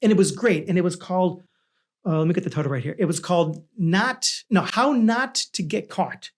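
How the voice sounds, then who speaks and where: High-pitched man hosting a casual chat. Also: animated, brisk. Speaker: talk show host.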